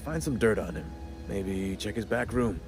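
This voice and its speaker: A blunt, conspiratorial fixer in a video game. His voice is low and moves a lot in pitch. Clear game music plays behind him. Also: animated, moderate pace.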